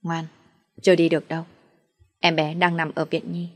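A woman's voice: deep voice, little pitch movement, moderate pace. A woman voicing a caring older sister who comforts her younger sibling. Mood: soothing. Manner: soothing.

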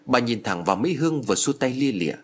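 A man narrating an audiobook story in an expressive, dramatic way. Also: medium pitch, fast, slightly rough.

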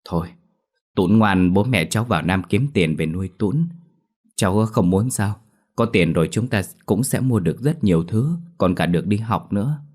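A stern old grandmother in a storybook ghost tale, as a male narrator voices her. She speaks firmly and readily turns to scolding. Her voice stays low and plain. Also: lively intonation, moderate pace, a little mellow. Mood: coaxing. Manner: scolding, firm.

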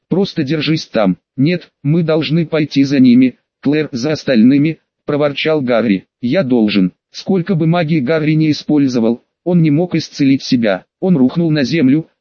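A man reads an audiobook evenly and matter-of-factly, his voice sitting slightly high. The sound is dry and muffled, like a lo-fi recording. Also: dry recording. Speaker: audiobook narrator. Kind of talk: scripted narration.

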